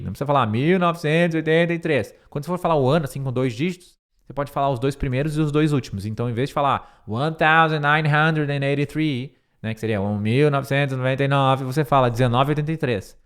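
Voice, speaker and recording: Man teaching English, drilling words slowly. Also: medium pitch. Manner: switches between slow, careful English phrases and quick explanations; repeats words many times to drill pronunciation. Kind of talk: English lesson explaining a speech line by line.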